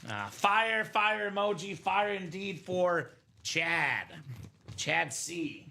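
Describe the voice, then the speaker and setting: High, bright-voiced man hosting a live break. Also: slow pace, gravelly. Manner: energetic, chatty, calls out names and teams. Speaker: host of live card breaks. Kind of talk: live stream commentary.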